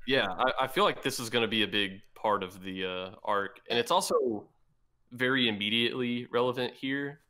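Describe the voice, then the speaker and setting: A man's voice: medium pitch, moderate pace, pushed and bright. A man co-hosting a podcast in casual chat, explaining ideas step by step as he thinks aloud. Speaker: podcast co-host.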